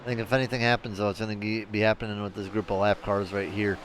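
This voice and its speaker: A man giving live race commentary in a chatty, excitable way that turns analytical. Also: lowish voice, fast, background noise. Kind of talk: live sim racing commentary.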